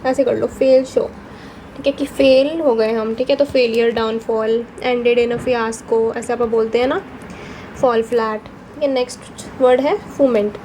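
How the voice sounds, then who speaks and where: A woman's voice: a little high, steady tone, unhurried, mellow, a little hiss or hum, poor audio. A young woman teaching exam vocabulary with mnemonic tricks, explaining patiently. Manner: explains patiently, repeats "ठीक है" between points.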